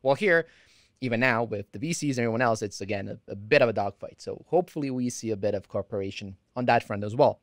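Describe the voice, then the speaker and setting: A man's voice: mid-range voice, fast talker, no echo, studio quality. A man hosting a podcast interview, asking long conversational questions. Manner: conversational, rambling questions with restarts. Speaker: podcast host.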